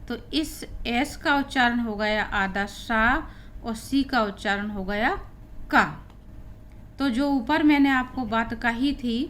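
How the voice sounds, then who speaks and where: A woman's voice: fairly high pitch, fairly bright tone. A woman teaching an English pronunciation lesson, explaining rules step by step and spelling out letters one by one. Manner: slow, deliberate, spelling out letters.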